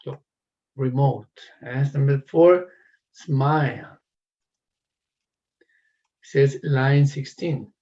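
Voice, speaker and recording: A man's voice: medium pitch, very slow, long pauses, dark tone, slightly rough, lo-fi sound. A man teaching an English class, encouraging students and calling on them by name.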